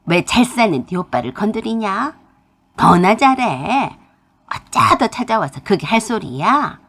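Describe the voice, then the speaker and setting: Woman doing old mother, angry, harsh slow scolding, husky voice, radio-story reading. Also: on the low side, sing-song, voice pushed down, heavily acted. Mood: furious scolding. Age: older. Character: bitter scolding old mother, widowed and lonely.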